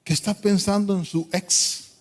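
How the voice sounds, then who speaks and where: A man preaching a sermon in church, fervent, swinging from quiet asides to loud pleading. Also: high voice, steady tone, measured pace. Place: church hall. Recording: long hall reverb.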